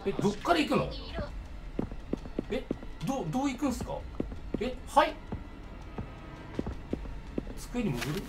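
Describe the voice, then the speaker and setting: Excitable young man with a lilt. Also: extremely high pitch, measured pace, pauses often, over music. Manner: excitable, jokey, reacting out loud. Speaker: game streamer. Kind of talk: let's play commentary.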